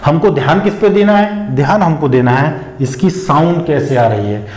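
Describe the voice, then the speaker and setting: A man teaching English pronunciation, patiently explaining step by step and repeating example words slowly. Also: on the high side, a little mellow. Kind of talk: explanatory lesson. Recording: echoey room.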